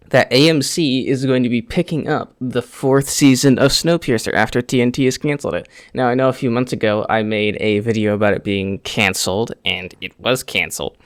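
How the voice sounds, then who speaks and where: Slightly slurred, low-voiced rambling man. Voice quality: slightly slurred speech after wisdom tooth removal. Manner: rambling, conversational. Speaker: YouTube host giving TV show news. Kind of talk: unscripted news update to camera.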